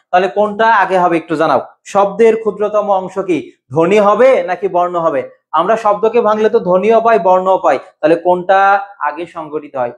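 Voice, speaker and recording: A young man teaching an exam-prep lesson as a Bengali lecturer. He quizzes his students, repeats each answer and waits for their replies. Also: high voice.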